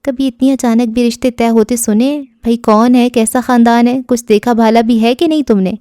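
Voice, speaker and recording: A bossy older aunt from an audio storybook, her voice raised and pitched up as she scolds and gives orders, put on by a woman narrator. The delivery is warm in tone and recorded close and dry. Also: dry recording, close to an everyday voice. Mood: scolding.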